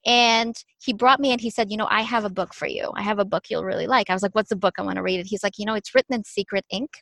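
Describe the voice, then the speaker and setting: A woman's voice: mid-range voice, fast talker, gravelly, no echo. A woman from Ukraine in a conversational talk, telling personal stories and acting out the lines of people in them. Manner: animated storyteller, acts out quotes. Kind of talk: conversational podcast storytelling.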